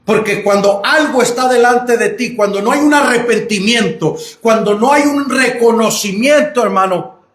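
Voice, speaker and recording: A man's voice: very high-pitched, normal speed, fairly bright tone. A male pastor preaching a sermon in a church, emphatic and repeatedly calling listeners brother. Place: church sanctuary. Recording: echoey church room.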